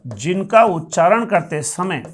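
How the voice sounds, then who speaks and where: A man's voice: high-pitched, big pitch swings, slow. A male Hindi grammar teacher giving a classroom lecture, explaining step by step, asking questions and answering them himself, and repeating key terms.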